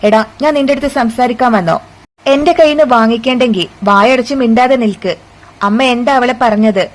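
A woman's voice: fairly high pitch, brisk, lightly acted, low-quality recording. A woman voicing a protective young husband who insistently demands answers. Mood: demanding. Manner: insistent, questioning.

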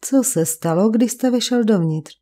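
The speaker, a woman whose voice is a little high, animated and mellow, reads the lines of a stern male magistrate in an audiobook. He questions a suspect in a cool, probing, cold way.

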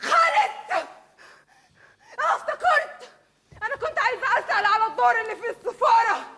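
A woman's voice: very high voice, lively intonation, brisk, a loud crowd, very noisy. An actress playing a bewildered, exasperated young woman customer in a live Egyptian stage comedy, protesting and snapping back. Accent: Egyptian Arabic. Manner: baffled protests, exasperated outbursts. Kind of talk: live stage sketch acting. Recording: live theater stage, long reverb, audience.

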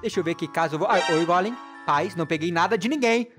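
A man with a Brazilian accent doing playful, excitable let's play commentary and often acting scared. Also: high-pitched, fast, music in the background. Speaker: gaming youtuber.

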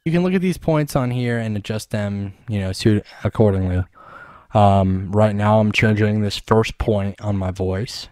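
A man hosting a casual software tutorial, talking in an offhand, joking way into a studio mic. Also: fairly low pitch, unhurried, clear, resonant tone, no room sound. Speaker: host. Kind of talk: screen-recorded software tutorial.

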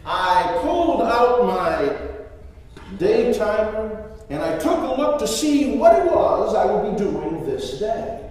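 A man in his fifties, a pastor telling a story sermon in the first person, with dramatic swings in loudness. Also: sits high, very animated, slow pace. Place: large church. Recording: echoey church hall from far off.

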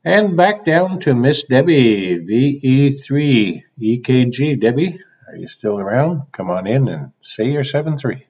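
A man acting as net control on an amateur radio net, heard over a fading shortwave signal. His voice comes through narrow and phone-like, with a mid-range pitch. He talks in an easygoing way and spells out call signs slowly in the phonetic alphabet. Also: animated, breathy edge. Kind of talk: on-air radio net check-ins.

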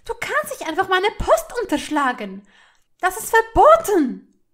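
A woman reading a fan audiobook voices a furious young woman whose indignation breaks into high, strained shouting. Every word is hurled out loud and shrill, the pitch climbing well above a normal speaking voice. She takes her time, with each accusation slow and deliberate.

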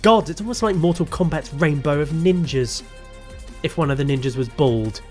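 A man's voice: fairly high pitch, moderate pace, darkish tone, faint music behind. A man in his thirties hosting a gaming show, delivering scripted comic commentary in a wry, sardonic manner.

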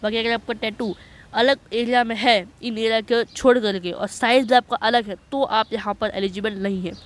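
A man walking viewers through a job notice in a voice-over on a screen recording. He talks in a chatty way, keeps checking that listeners follow, and reads English passages slowly. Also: sits high, fairly even intonation. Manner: chatty, repeats "okay" to check understanding. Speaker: online job-notice explainer.

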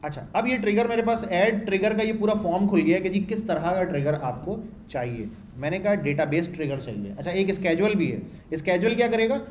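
A man's voice: high voice, expressive, fairly quick, few pauses, darkish tone, roomy sound, slight background noise. A man walking through a coding tutorial in a chatty way, asking and answering his own questions and repeating his points. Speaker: programming instructor. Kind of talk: screen-share coding tutorial.

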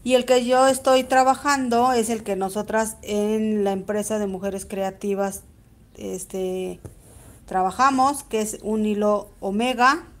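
A woman with a Mexican accent gives a chatty live-stream embroidery lesson, greeting viewers by name as she stitches. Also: on the high side. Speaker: embroidery teacher.

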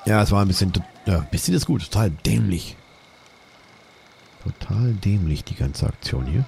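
A man commenting on his own gameplay, excitable, swearing and repeating panicked exclamations. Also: low voice, moderate pace, gravelly, slight background noise. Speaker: let's play gamer.

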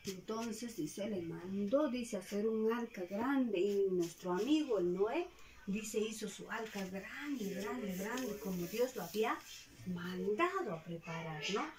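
A woman's voice: medium pitch, expressive, slow pace, a crowd in the background. A woman teaching a preschool class, singing a children's song and then telling a story in a sing-song, affectionate way with frequent tag questions. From Peru. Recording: distant mic with faint noise.

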